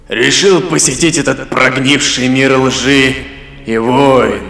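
A man voicing a sardonic ancient god of the underworld, speaking in a slow, sepulchral, sarcastic voice. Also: medium pitch, gravelly, fairly bright tone. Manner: sarcastic, mocking. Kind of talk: audiobook character voice. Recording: echoey hall reverb with faint music.

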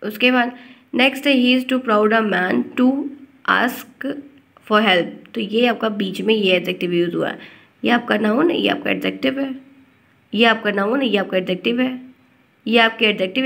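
A woman teacher giving an online grammar lesson, speaking slowly and deliberately because a dry cough leaves her short of breath. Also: medium pitch, gravelly.

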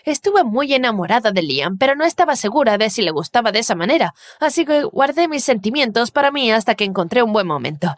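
A woman's voice: a little high, big pitch swings, fast, few pauses, dry recording. Woman narrating a story, close and dry. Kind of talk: scripted first-person story narration.

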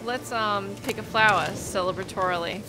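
A woman streamer chats casually as she plays, reacting aloud. Her voice is mid-pitched and competes with loud game music. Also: normal speed. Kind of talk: casual live gameplay commentary.

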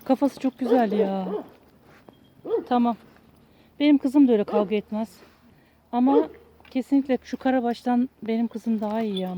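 High voiced woman out walking w her dog, sweet coaxing dog talk, phone mic outdoors. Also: muffled recording, slight background noise. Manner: coaxing, affectionate baby talk to dogs. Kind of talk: casual chat, talking to dogs. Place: outdoors on a country path.

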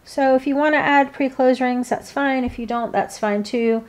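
A woman giving informal, hands-on step-by-step craft instruction, pausing between steps. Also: high-pitched. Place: indoors, seated at a work table.

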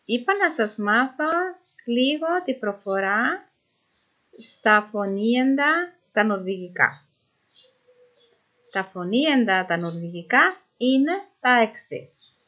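A woman giving an informal pronunciation lesson who sounds out vowels slowly and repeats them. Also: fairly high pitch, lively intonation, bright, forceful tone. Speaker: language teacher. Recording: dull lo-fi recording.

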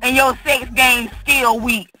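A woman's voice: high-pitched, fairly even intonation, measured pace, over loud music. A woman in a casual podcast chat who speaks bluntly and profanely, often restarting her sentences as she explains.

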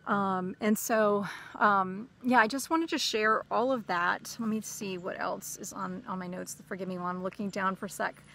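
Rambling woman with a gravelly edge. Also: mid-range voice, fairly even intonation, normal speed, few pauses, a bit bright, a little hiss or hum. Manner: rambling, many fillers and restarts. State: short on sleep, caffeinated. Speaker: spiritual vlogger. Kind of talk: casual personal vlog monologue.

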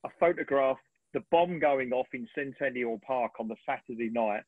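A husky man in his fifties tells long, animated stories about his work, clearing his throat now and then. His voice sits in the middle range and comes through a thin, phone-like video call. The sound is dry, with no room around it. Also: mid-range voice, moderate pace, no room sound. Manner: animated, rambling storyteller with frequent throat clearing. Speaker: sports photographer guest. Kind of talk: relaxed anecdotal storytelling on a webinar.

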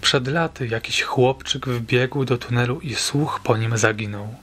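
A man narrating a short horror story as an audiobook reader, in a measured, suspenseful storytelling manner. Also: medium pitch, fairly bright tone, slightly rough. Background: faint background music.

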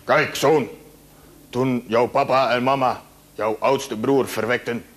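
A man's voice: mid-range voice, steady tone, slow, voice pushed down, natural voice. Een man die een diepe, trage oude stamhoofdvader nadoet. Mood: solemn.

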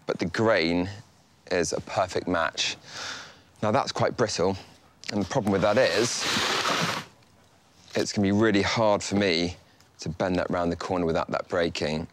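A British man in his thirties, a furniture restorer, calmly explaining his repair work step by step to camera in a wooden workshop. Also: deep voice. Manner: calm, matter-of-fact step-by-step explanation. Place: large wooden workshop, indoors.

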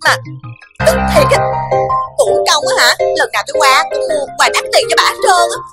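A woman's voice: sits high, big pitch swings, a little fast, over loud music. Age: young adult. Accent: Southern Vietnamese. Figure: whiny, spoiled young woman. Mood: petulant. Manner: whiny, complaining. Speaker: daughter. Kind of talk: TV drama acting.

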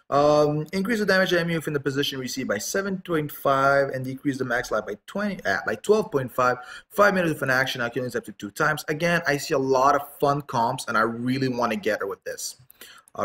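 A man's voice: a little high, fairly bright tone. A man reading out game skill text and giving casual, offhand commentary on it, with frequent fillers.

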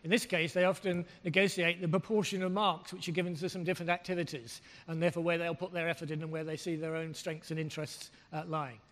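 A man's voice: on the high side, level tone, fast, hardly any pauses, a bit bright. An older man giving a workshop keynote on a lapel mic, blunt and emphatic. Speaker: keynote speaker. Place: large hall with audience. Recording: long hall reverb.

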